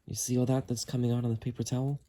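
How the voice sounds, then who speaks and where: Hosting a how-to cleaning video, a man explains each step as he works with his hands, speaking rapid-fire in a casual, explanatory way. His voice is medium-pitched, flat, and dark in tone.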